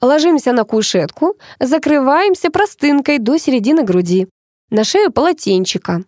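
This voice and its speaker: A woman's voice: a little high, lively intonation, moderate pace, a little mellow, no room sound, clean studio sound, voice pushed up, close to an everyday voice. A woman doing a chirpy sing-song beautician. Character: chirpy, fussy female beautician. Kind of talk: audiobook character reading.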